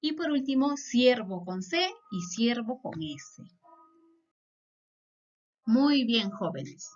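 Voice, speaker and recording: Patient Peruvian woman teacher, unhurried, muffled lo-fi recording. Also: fairly high pitch, animated, darkish tone, soft background music. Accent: Peruvian Spanish. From Peru. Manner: patient, checks in with repeated questions. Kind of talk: classroom lesson. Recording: dull lo-fi sound.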